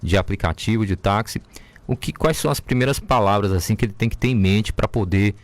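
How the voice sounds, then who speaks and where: Rambling low-voiced Bahian male interviewer. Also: a little fast, dry recording. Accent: Bahian Brazilian Portuguese. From Brazil. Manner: rambling, restarts often while framing questions. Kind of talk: interview questions.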